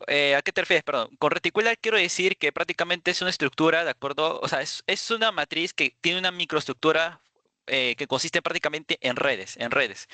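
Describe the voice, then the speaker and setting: A man's voice: on the high side, bright, forceful tone, no room sound. A man teaching a workshop class from slides. He keeps checking in with his listeners and repeats words as he goes. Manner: checks in constantly with "de acuerdo"; repeats words, small restarts. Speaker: workshop instructor. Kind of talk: lecture with slides.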